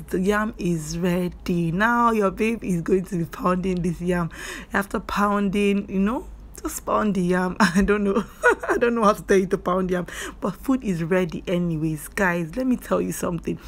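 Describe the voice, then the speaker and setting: Chatty, excitable Nigerian woman vlogger. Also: mid-range voice. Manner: chatty, excitable, repeats herself. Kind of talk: casual chat. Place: home.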